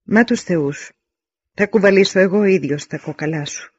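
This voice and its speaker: A man's voice: sits high, breathy edge, no room sound. A man voicing a grieving teenage boy whose pleading voice cracks with sorrow, on a dull lo-fi recording. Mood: grieving, urgent. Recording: dull lo-fi audio.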